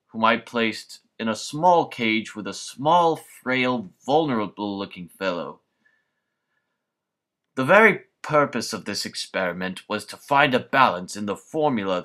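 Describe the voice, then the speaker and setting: A man's voice: on the low side, pushed and bright. A man voicing a menacing scarecrow villain, a sadistic, grandiose mad scientist delivering a theatrical, pompous monologue. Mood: gloating, clinical. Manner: menacing scarecrow voice, slow, pompous, florid and deliberate.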